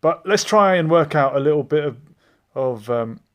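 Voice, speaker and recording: A man's voice: on the high side, expressive, normal speed, a bit bright. Chatty man hosting a live stream. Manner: meandering and chatty, with frequent hesitations. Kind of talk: casual live-stream chat reading viewer comments.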